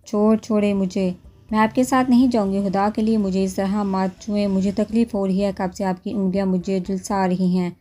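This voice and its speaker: A woman's voice: mid-range voice, little pitch movement, dark tone, natural voice. A woman reading a storybook novel, voicing a frightened young woman who pleads tearfully. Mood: pleading.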